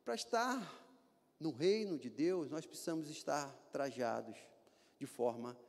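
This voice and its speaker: A man's voice: a little high, animated, measured pace, gravelly, a little mellow. A man preaching a sermon to a church, folksy and joking, climbing into emphatic bursts. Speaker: pastor. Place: church hall. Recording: long church reverb.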